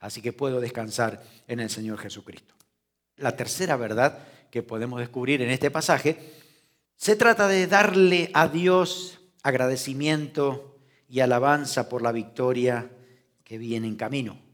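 A male pastor preaching a sermon in a church, swinging from soft, quiet passages to loud, emphatic lines and asking the congregation questions. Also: mid-range voice, unhurried. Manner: asks the congregation rhetorical questions.

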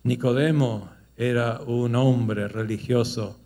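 A man's voice: medium pitch, fairly even intonation, takes it slowly, warm tone. A man preaching, moving from storytelling into emphatic rhetorical questions. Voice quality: gravelly. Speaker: pastor. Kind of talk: sermon.

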